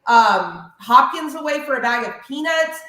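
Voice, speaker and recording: A woman's voice: high-pitched, moderate pace. Fired-up woman ranting in an echoey room. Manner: animated, opinionated ranting. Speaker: sports radio host, podcast guest. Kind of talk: casual podcast chat.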